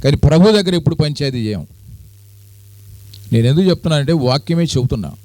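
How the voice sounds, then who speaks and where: A middle-aged man preaches a sermon in a voice a little above the usual male pitch. He keeps asking his listeners questions and answering them, surging into high, loud peaks before sinking low and quiet. The sound is dry and close, with no room echo. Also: lively intonation, fast. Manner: call-and-response preaching, asks the congregation questions and answers them. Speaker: pastor.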